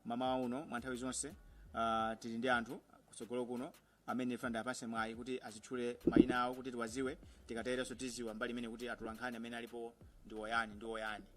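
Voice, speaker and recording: A man's voice: mid-range voice, level tone, very fast. Malawian man formally addressing a press briefing. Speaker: organisation leader hosting a press conference.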